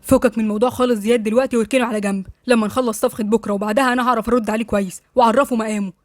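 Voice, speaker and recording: A woman voicing a stern, commanding man with an Egyptian accent, lowering her voice and speaking curtly. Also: fairly even intonation, rapid-fire, dry recording, natural voice. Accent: Egyptian Arabic. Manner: firm, curt.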